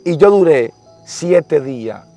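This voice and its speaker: A man's voice: on the high side, animated, slow, dark tone, soft background music. A young man tells his conversion story in an earnest, repetitive, emotional manner during an interview. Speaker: interviewee giving testimony. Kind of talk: religious testimony, casual storytelling.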